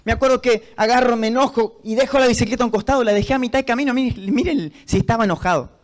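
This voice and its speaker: A man with an Argentine Spanish accent, preaching a sermon in church as pastor, telling stories with fervent passion and rising to shouts. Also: very high voice, very fast, poor audio.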